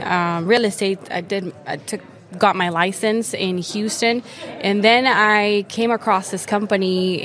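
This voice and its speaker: Young woman from Venezuela, eager explainer with fillers, lower voice, interview at a conference. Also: fairly bright tone. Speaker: guest, retirement account specialist. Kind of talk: conversational interview. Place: busy conference floor.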